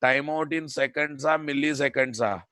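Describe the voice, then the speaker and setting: A man's voice: mid-range voice, fairly even intonation, moderate pace, pushed and bright, dry recording, studio quality. A man with a Telugu Indian accent teaching a live programming class as the instructor, repeating his phrases and checking that students follow. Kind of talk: live technical lesson.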